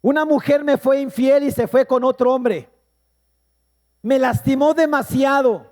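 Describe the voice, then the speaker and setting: Middle-aged male pastor, very high voice, earnest and emphatic sermon, big echoing hall. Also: steady tone, measured pace, a little mellow. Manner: personal storytelling, earnest and emphatic. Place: church hall. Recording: long hall reverb.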